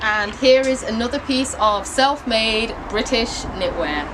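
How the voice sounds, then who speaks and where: A woman's voice: on the high side, unhurried. A woman who knits, telling about a visit in a casual, upbeat and playful way. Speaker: knitter on a visit. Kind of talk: casual account. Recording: outdoors with traffic noise.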